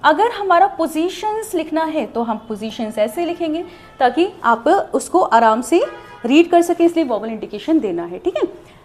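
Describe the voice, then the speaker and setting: High-voiced woman teaching shorthand. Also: very animated, normal speed, darkish tone, soft background music. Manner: patient, explains step by step with many checks. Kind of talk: online lesson.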